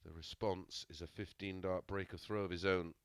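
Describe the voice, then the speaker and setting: A man's voice: deep voice, steady tone, moderate pace, no echo, studio quality. A man giving live sports commentary on a darts match.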